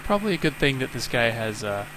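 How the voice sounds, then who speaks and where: A man's voice: mid-range voice, very animated, fast talker, noisy background. A man streaming, reading a game's story aloud with wry asides. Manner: wry asides between narration. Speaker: streamer reading a visual novel. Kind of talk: reading aloud with casual commentary.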